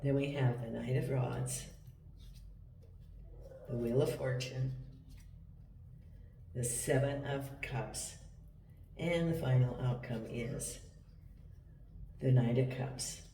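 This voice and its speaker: Croaky from a cold, a man gives a casual tarot reading to camera from his home in Portugal, chatty and meandering with many ums. His mid-range voice is mellow and slow with long pauses, set back from the mic in an echoey room with faint hiss.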